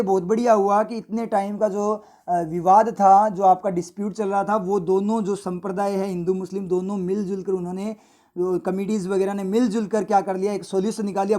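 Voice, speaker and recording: A man's voice: sits high, a little mellow. A man from India explaining an English newspaper editorial in Hindi mixed with English, asking and answering his own questions. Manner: reads English sentences slowly with stress. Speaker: English teacher.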